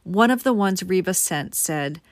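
Female true crime host, casual direct narration, low-pitched, dry booth sound. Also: lively intonation, measured pace, no room sound. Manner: conversational, addresses viewers directly.

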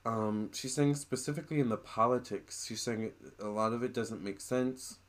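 A man in a casual monologue to camera, relaying a spirit's words in a chatty, animated way with gushing exclamations. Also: medium pitch, normal speed.

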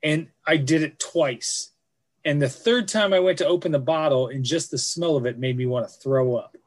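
A man in his forties with a slightly raised pitch, swearing freely as he tells a story in a loose podcast chat. He is blunt and plainspoken. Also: moderate pace. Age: 40s. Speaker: podcast co-host.

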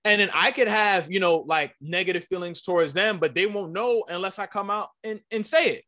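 A man's voice: sits high, brisk, sharp tone. A man hosting a podcast, arguing his point insistently and emphatically, often repeating himself. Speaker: podcast host. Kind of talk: heated podcast debate.

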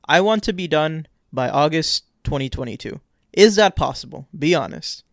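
A man's voice: a little high, lively intonation, moderate pace, creaky, no room sound, clean studio sound. A man in his twenties co-hosting a podcast, chatting casually and repeating words as he rambles. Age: 20s. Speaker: podcast co-host. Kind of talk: casual chat.

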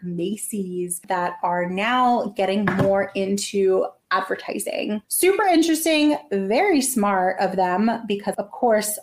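Chatty, emphatic woman hosting a podcast. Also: mid-range voice. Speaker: podcast host. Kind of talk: casual solo news commentary.

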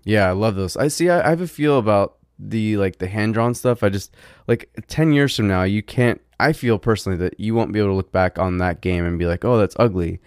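A man's voice: lowish voice, a little fast, smooth, dry recording, clean studio sound. A man co-hosting a podcast, chatting casually with many fillers and restarts. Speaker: podcast co-host. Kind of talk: casual chat.

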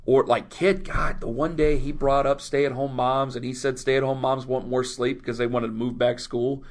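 Rambling, animated male radio storyteller. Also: mid-range voice, moderate pace. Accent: Ohio. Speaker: sports radio host, guest. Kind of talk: casual storytelling interview.

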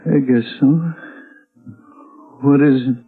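A man playing a dazed, meek, grief-stricken father in a 1950s radio drama, halting and anguished. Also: medium pitch, fairly even intonation. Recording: muffled vintage radio recording with music.

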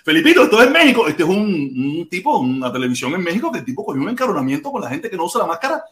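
A Cuban man with a Cuban Spanish accent hosting a live stream, talking in an animated, rambling way and often repeating himself. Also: high voice, very fast, echoey room. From Cuba. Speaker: livestream host. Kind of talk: casual live-stream commentary.

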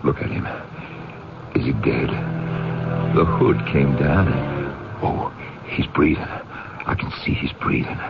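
A man's voice: extremely low pitch, takes it slowly, creaky, long pauses, background noise, exaggerated voice. An actor playing a jealous man who mutters to himself as he plots to kill his rival, in a radio drama. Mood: defensive. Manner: brooding, muttering to himself in asides. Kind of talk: 1980s radio drama acting. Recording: dull old radio recording with music.

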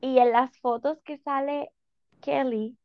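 Woman, casual co-host, gossipy and code-switching, a bit high-pitched, dry dull recording. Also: steady tone, slow, smooth, no room sound. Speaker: podcast co-host. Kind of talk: casual chat.

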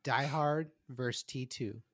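A man's voice: medium pitch, a little slow, fairly bright tone, no room sound, clean studio sound. A man co-hosting a casual podcast, announcing the matchups like a game show. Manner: announcer-like, runs the bracket. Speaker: podcast co-host.

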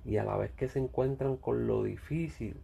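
A man's voice: mid-range voice, normal speed, vocal fry, dark tone, slightly rough. A man with a Puerto Rican accent ranting bluntly in casual talk, swearing a lot and repeating himself. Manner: blunt, profane, repetitive ranting. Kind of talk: casual rant.

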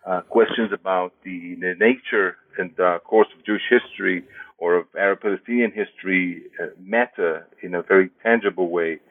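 A man's voice: sits low, fairly even intonation, moderate pace, no room sound. A man from Israel, a history professor, answering thoughtfully as an interview guest with many hesitations and restarts. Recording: tinny phone-like line, dry.

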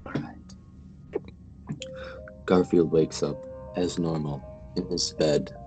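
A man giving a mock-dramatic spooky reading of comic strips, slow and theatrical. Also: extremely low pitch, steady tone, music in the background, low-quality recording. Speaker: podcast co-host.

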